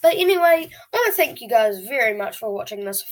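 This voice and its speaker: Here an eleven-year-old channel host talks at a medium pitch, fairly quick and very animated. The kid relates stories to viewers casually, sounding dramatic and whiny.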